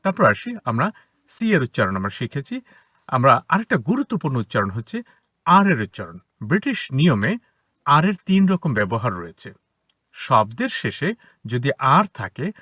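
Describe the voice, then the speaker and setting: Male English tutor, Bengali accent, lively up-and-down delivery, bright but slightly husky tone, dry close sound in a car, explains patiently and repeats examples. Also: mid-range voice, normal speed, no echo. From Bangladesh. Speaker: English teacher, academy founder. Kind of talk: spoken English lesson for children. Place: inside a parked car.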